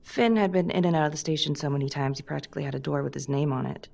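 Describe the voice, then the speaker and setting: An actress voicing a tough, blunt female police detective who speaks low and gravelly. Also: racing, darkish tone.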